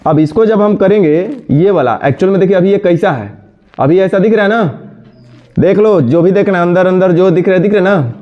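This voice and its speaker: Scolding teacher. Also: male voice, sits high. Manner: scolding, brisk, addresses students directly. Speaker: reasoning teacher. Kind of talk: classroom lecture. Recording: dull lo-fi sound.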